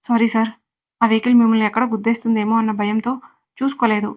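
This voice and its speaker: Frightened young woman, storybook heroine, urgent, flat reading by a woman. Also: on the high side, fast talker, close to an everyday voice. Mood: emotional. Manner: urgent, pleading.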